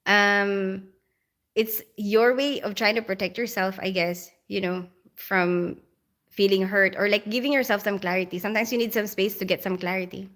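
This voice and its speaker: A woman with a Filipino accent chats casually on a live stream and reads viewer comments aloud. Her voice is bright and forward, with an easy, middling pitch. She talks straight to her viewers and breaks into laughter often. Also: steady tone, normal speed. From Philippines.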